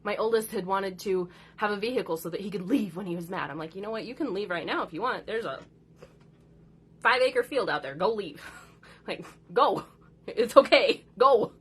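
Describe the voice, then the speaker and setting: A woman's voice: mid-range voice, brisk, husky. A woman in her thirties, a mother, talking casually and at length about her kids, often acting out what they said. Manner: rambling and chatty, acts out her kids' lines. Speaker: mother of four, content creator. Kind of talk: casual chat.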